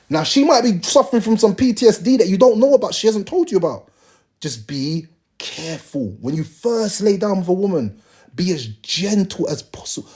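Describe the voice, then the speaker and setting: Husky, animated man lecturing viewers. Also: high-pitched. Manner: blunt, slangy, preachy, lectures the viewers. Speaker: live streamer. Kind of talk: casual advice on a livestream.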